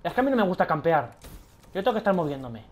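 A young man with a Spanish accent from Spain, commenting excitedly on a shooter game he is playing, swearing often and talking to his viewers. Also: sits high, fast talker, a little hiss or hum. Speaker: gaming youtuber. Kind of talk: gameplay commentary. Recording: loud game gunfire behind.

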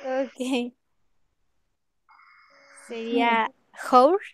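A woman's voice: on the high side, little pitch movement, drawn-out words, faint music behind. A woman student answering her teacher's questions in a hesitant, tentative way. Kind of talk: answering in class.

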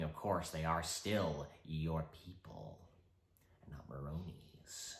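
A man impersonating a film's taunting, unhinged criminal clown villain, mocking, with deliberate pauses and sudden high swoops. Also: exaggerated voice. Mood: quiet taunting. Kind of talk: film character impersonation. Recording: roomy echo.

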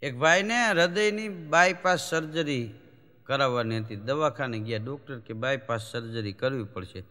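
In a large hall, a man with a mid-range voice tells live Gujarati folk comedy stories at a moderate pace. This stand-up comedian performs animatedly, voicing the characters' lines in shifting voices.

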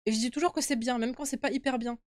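A woman's voice: fairly high pitch, fairly even intonation, fast talker, no room sound, clean studio sound. A young woman streaming a horror game with casual live commentary, uneasy and easily scared, chatting to her viewers. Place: indoor room at home.

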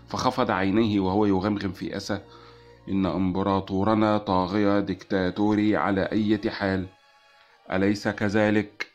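A man narrating a science-fiction novel as an audiobook in a measured storytelling manner. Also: fairly low pitch.

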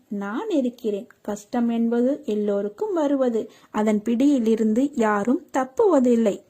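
A woman reading a scripted devotional message in a slow, soothing way, speaking as a deity who reassures a devotee. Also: fairly high pitch, warm tone.

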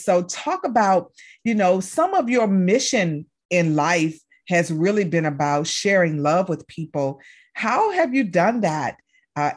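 A woman hosting a talk show, interviewing a guest and affirming her often. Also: fairly low pitch. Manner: encouraging, frequent affirming mm-hmms.

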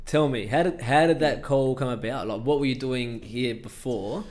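A man's voice: medium pitch, moderate pace, darkish tone. An Australian man hosting a casual interview chat, friendly and chatty with lots of agreeing yeahs. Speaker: host.

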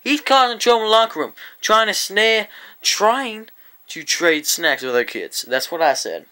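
A man's voice: high-pitched, lively intonation, normal speed, sharp tone, clean tone. A man telling a rambling, profane story-time tale to his vlog audience, often breaking into laughter. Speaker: vlogger.

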